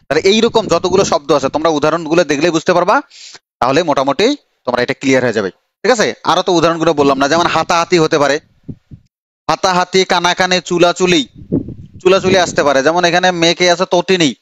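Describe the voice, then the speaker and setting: Male coaching teacher, fast chatty delivery, slightly high voice, dry close sound. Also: fairly bright tone, no echo. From Bangladesh. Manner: chatty, teasing, calls on students by name. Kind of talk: live online grammar class.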